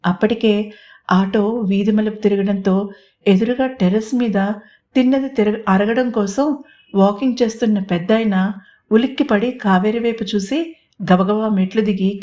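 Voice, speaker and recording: A woman narrating a romantic audio story in an expressive storytelling manner. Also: medium pitch, normal speed.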